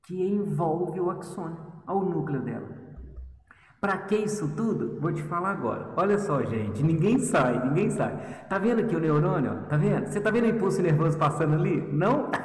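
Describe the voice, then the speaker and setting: A man's voice: on the high side, recorded from a distance, a little hiss or hum. A man teaching histology in a chatty, teasing way, talking straight to his students. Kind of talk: lively video lesson. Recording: echoey room, voice from off the mic.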